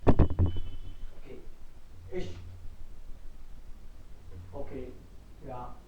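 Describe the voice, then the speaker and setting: A woman's voice: very deep voice, big pitch swings, very slow, highs cut off. A woman teaching German online, encouraging students and calling on them one by one. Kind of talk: online class, mixing German, English and Hindi. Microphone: video call. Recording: echoey, distant video-call audio with faint noise.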